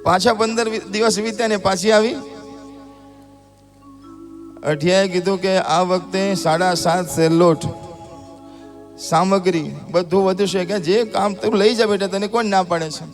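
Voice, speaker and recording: A male preacher telling a devotional story in a sermon, acting out the characters with drawn-out calls. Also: sits high, steady tone, soft background music. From Gujarat. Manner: acts out characters' voices in a drawn-out calling tone.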